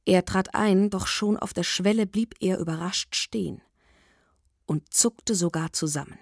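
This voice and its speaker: A woman reading a novel aloud in measured, expressive scripted narration. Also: fairly low pitch, gravelly, no room sound, clean studio sound. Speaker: audiobook reader.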